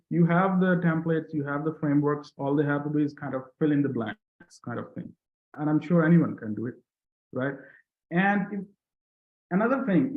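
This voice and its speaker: Talking about his coaching results, this non-native English speaker comes across as earnest, with a fairly high pitch, halting restarts, and upward lifts on key numbers. He's an interview guest and coaching client on a testimonial video call chat, heard from an echoey room over a thin, tinny line.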